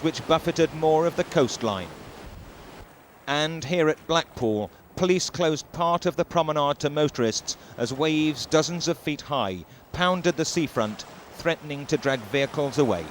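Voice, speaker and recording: A man narrating a news report in a crisp, clipped reporter's style, heard from a worn VHS tape copy. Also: on the high side, measured pace, a little hiss or hum. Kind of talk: scripted news report voice-over.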